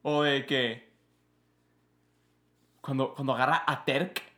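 Hombre joven de acento mexicano, copresentador de pódcast, habla en tono casual y anima sus anécdotas imitando voces; el timbre es luminoso y la sala resuena. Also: male voice, medium pitch, takes it slowly, roomy sound. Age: young adult. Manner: animated storyteller, acts out voices and film scenes. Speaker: podcast co-host. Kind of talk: casual chat.

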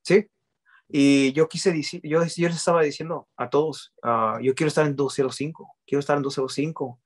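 A man's voice: fairly high pitch, fairly even intonation, fairly quick. A man, telling his story in a casual interview, often restarting and dropping English words into his speech.

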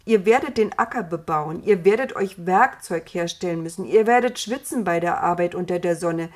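A woman voicing a stern, booming God. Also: normal speed, natural voice. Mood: solemn. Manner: solemn, booming when angry. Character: stern grieving male God, old and commanding. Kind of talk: storybook reading.

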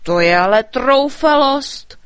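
A woman voicing a crowd of furious knights, shouting loudly. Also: high-pitched, lively intonation, clean tone, no room sound, pitched above the performer's own voice.

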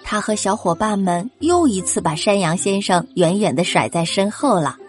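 A woman narrating a children's story, gently speaking to young listeners. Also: medium pitch, expressive, normal speed, faint music behind. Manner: gentle, addresses children directly.

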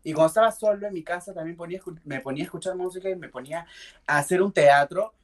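A man, a drag performer, telling his own story in a casual interview with a lively, playful delivery. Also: on the high side, rapid-fire. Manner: lively and playful, acts out quoted voices, laughs often. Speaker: drag queen guest.

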